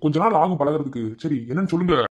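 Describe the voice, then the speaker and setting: A man voicing a friendly, talkative village loudspeaker man with a Madurai Tamil accent. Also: fairly high pitch, husky, highs cut off. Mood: chatty. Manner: brisk, chatty, loud.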